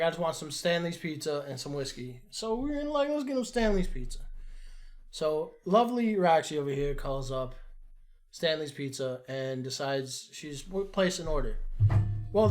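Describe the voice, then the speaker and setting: A man in his thirties co-hosting a podcast, telling a profane story in a loose, animated way. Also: a little high. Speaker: podcast co-host. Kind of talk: casual chat.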